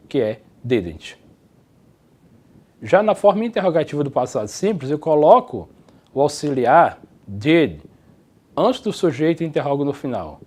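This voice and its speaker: A man with a Brazilian Portuguese accent teaching English grammar in a recorded distance-learning lecture, explaining the rules step by step and reading the example sentences slowly and clearly. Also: fairly high pitch, darkish tone.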